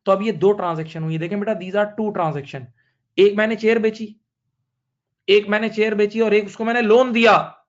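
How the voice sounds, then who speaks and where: A man's voice: high-pitched, fairly even intonation, moderate pace, highs cut off. A man teaching accounting, asking his students questions and answering them himself, repeating each point and telling a story to explain it. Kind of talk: classroom lecture.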